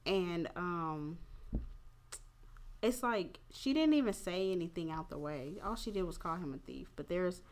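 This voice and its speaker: Low-voiced tipsy woman talking candidly. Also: expressive, a little slow. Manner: candid, profane, informal slangy phrasing. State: a little tipsy. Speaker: podcast host. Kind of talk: casual opinionated talk.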